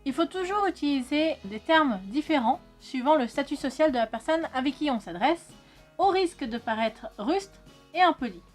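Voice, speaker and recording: Brief: bright high-pitched woman from France, casual vlog teacher, chatty, jokey, swears a bit. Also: expressive, normal speed, soft background music. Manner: chatty, swears, jokes with friend. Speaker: video host teaching Khmer.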